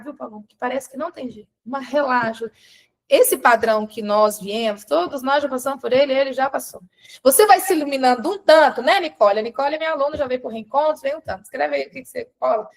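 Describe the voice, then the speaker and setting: A woman from Brazil running a live-stream coaching talk, animated, calling on viewers by name and shifting between soft asides and loud stresses. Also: sits high. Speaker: relationship coach.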